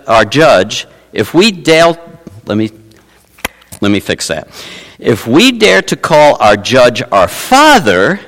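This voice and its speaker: A man preaching a sermon, his pitch leaping and falling with great animation. He drops to quiet asides, then bursts out loudly. The sound rings with the long reverb of a large hall. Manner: animated preaching, swinging from low asides to loud exclaims. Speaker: pastor.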